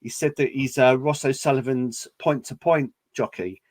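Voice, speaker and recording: A man's voice: mid-range voice, steady tone, normal speed, a little mellow, dry recording. A man giving horse racing tips in a casual online chat, hesitant with many restarts. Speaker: racing tipster panelist.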